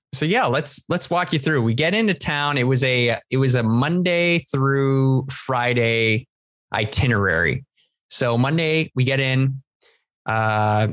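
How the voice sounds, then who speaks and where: A man's voice: medium pitch, fairly bright tone, no echo. A man from San Diego, a podcast co-host, telling a long story in casual chat with lots of restarts. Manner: rambling storyteller, many restarts.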